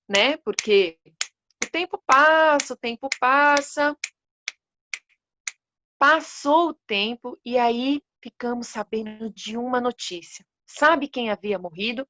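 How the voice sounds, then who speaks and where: Animated Brazilian woman telling a story. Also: a little high, no echo. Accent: Brazilian Portuguese. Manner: animated, expressive, with gasps. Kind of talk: storytelling for children.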